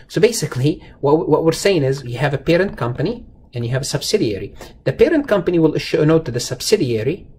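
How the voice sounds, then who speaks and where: A male accounting lecturer with a slightly high, darkish voice explains material over slides in an informal, conversational way. He repeats key phrases for emphasis and poses rhetorical questions to the learner. Noticeable background noise runs through the recording, including some faint noise.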